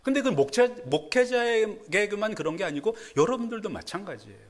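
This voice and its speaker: A middle-aged man gives a Sunday sermon as a pastor in a church, in a fairly high, very lively voice. His delivery is chatty and self-deprecating, and it jumps up when he stresses a point. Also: a little fast. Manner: conversational preaching with self-deprecating laughs and sudden emphatic rises. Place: church sanctuary.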